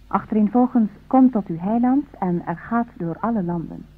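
A woman radio announcer giving a formal, measured announcement, played from an old worn tape. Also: mid-range voice. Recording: tinny 1950s radio broadcast on worn tape.

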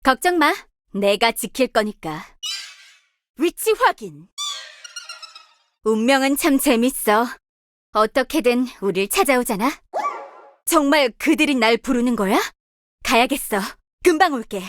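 A woman's voice: fairly high pitch, expressive, measured pace, long pauses, no echo. A woman voicing a confident young female star guardian warrior who leads her team, delivering game voice lines with bold, commanding quips. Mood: determined. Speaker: voice actress. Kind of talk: video game character voice lines.

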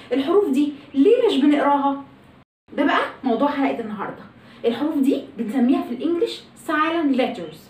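Lively high-voiced Egyptian woman teaching. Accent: Egyptian Arabic. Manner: animated, asks and answers her own questions. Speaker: English pronunciation teacher. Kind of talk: lively video lesson. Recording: echoey room, mic at a distance.

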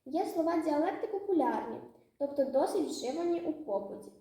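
A woman student presenting a research project, reading a prepared report in a measured, careful way. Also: high-pitched, lively intonation, dark tone. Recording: very echoey room.

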